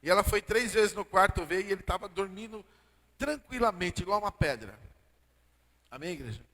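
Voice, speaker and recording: High-voiced Brazilian pastor preaching. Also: male voice, animated, moderate pace, fairly bright tone. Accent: Brazilian Portuguese. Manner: preaching with call-and-response "Amém?". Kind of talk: sermon. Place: church hall. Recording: long church-hall reverb.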